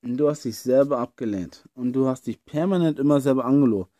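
A man's voice: mid-range voice, a little fast, warm tone, dry recording, clean studio sound. A man giving an earnest self-help talk, speaking straight to the listener and dropping in many "ja" and "äh" fillers as he goes. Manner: earnest, talks straight to "you", frequent "ja" and "äh". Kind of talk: explanatory monologue addressing the listener.

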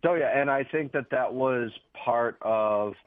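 A man's voice: medium pitch, unhurried, no echo. A man calling in to a radio sports show, laying out details and hedging with phrases like "I believe.". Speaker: caller. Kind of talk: casual sports talk. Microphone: phone. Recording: phone line.

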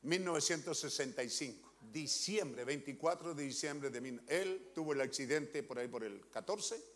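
High-voiced preacher, swinging loud and soft. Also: male voice, animated, normal speed. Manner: emphatic, questioning the congregation, swinging loud and soft. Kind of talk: sermon.

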